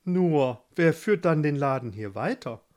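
A man voicing an old, ailing king who speaks slowly and solemnly in rhymes. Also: a little high, expressive, a little mellow. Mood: mournful. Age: older. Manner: slow, solemn, rhyming.

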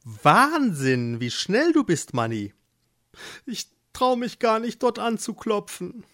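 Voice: medium pitch, huge pitch swings, slow pace, a bit bright, voice pushed up, heavily acted. A storyteller voicing a worried, timid working man who speaks in an anxious, pleading way, for a children's storybook. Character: worried, timid male worker.

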